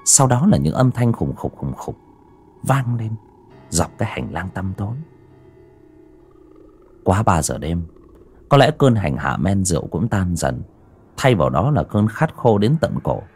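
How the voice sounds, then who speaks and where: A man narrating a horror audio story in a slow, suspenseful storytelling manner. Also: low voice, sing-song, darkish tone, soft background music.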